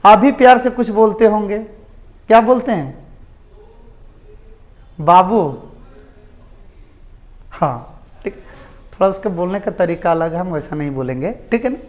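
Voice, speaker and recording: A man's voice: very high voice, animated, fairly quick. Male chem teacher w jharkhand hindi accent, lecturing, keeps asking then answering himself. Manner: asks and answers own questions, repetitive check-ins. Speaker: chemistry teacher. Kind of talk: classroom lecture.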